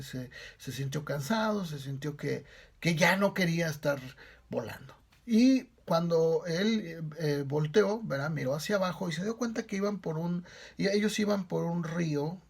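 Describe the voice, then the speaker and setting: A man's voice: fairly high pitch, gravelly, breathy edge. A male pastor preaching a sermon in a conversational storytelling manner, with frequent tag questions.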